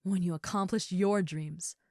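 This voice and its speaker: A woman voices a gentle, affectionate giant ogre girl who is shyly confessing to her roommate in an intimate comfort roleplay. Her slightly low, natural voice is recorded very close and dry with no echo, and her intonation stays fairly even. Tender, sincere, earnest and reassuring, she halts as she searches for words and often slips into soft, breathy asides.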